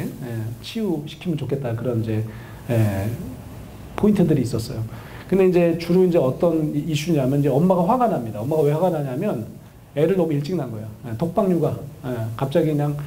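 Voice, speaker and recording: A middle-aged man, a counseling professor, giving a lively lecture to an audience and acting out the voices of a wife and husband. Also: fairly high pitch, slight background noise. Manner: animated, acts out quoted voices of a wife and husband.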